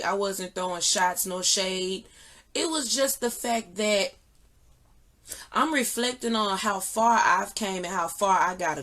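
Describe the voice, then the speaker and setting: An online tarot and energy reader who hosts her own channel talks casually and frankly to viewers, using slang, strong emphasis, and repeated phrases. Her voice is mid-range and slightly bright. It's captured on a phone or similar device propped close by, and the recording is noisy with clicks.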